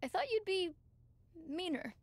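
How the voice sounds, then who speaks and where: An eager young wrestler, talking with an earnest, bright manner in a high voice. The sound is dry and close. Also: female voice, very animated, measured pace, no echo, heavily acted. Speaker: game character.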